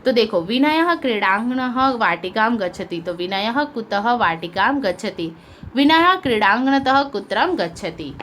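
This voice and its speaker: A woman's voice: a little high, animated, a little slow, a bit bright, slight background noise. A woman teaching a school lesson, reading lines aloud, translating each one, and asking her pupils questions as she goes. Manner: patient, asks pupils questions, translates line by line. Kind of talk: explaining a Sanskrit lesson in Hindi.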